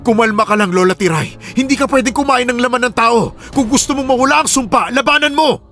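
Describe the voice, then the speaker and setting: A man voicing a brave village healer who shouts commands to protect others in an animated storybook. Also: medium pitch, fast, soft background music. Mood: commanding.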